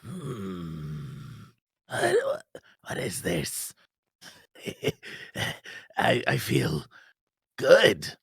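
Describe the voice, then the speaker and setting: A man's voice: low voice, wildly swooping pitch, drawn-out words, gravelly, long pauses, a bit bright, breathy edge, no room sound, studio quality, voice pushed down, full character voice. A man voicing a murderous giant male reptile monster in improvised comedic role-play, groaning and cackling. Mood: dazed. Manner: groaning, then giddy laughing.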